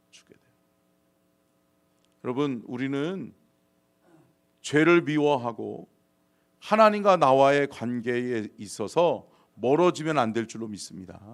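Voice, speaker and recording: A middle-aged male pastor preaching a dawn sermon, dramatic and swinging from loud calls to near whispers. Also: mid-range voice. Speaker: senior pastor. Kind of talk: dawn service sermon and prayer.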